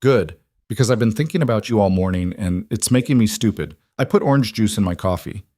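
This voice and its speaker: A man voicing a warm, hopeful young woman who works nights, speaking tenderly and a little shyly. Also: on the low side, lively intonation, brisk, no room sound, clean studio sound.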